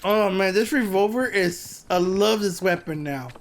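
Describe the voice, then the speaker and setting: Excitable man commentating a game. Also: sits high, a little slow. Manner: excitable, chatty, swears. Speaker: gameplay commentator. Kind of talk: let's play commentary.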